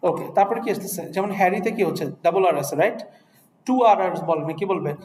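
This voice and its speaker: A man with a high-pitched, slightly mellow voice talks fast, with a Bangladeshi accent. He's lecturing an English test class, mixing English words into Bengali and frequently asking students checking questions, in an echoey room with faint noise.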